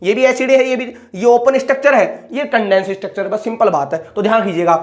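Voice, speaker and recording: A man's voice: sits high, quick pace. Man teaching chemistry, answering his own questions. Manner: asks a question and then answers it himself; repeats key terms several times. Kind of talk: online chemistry lecture.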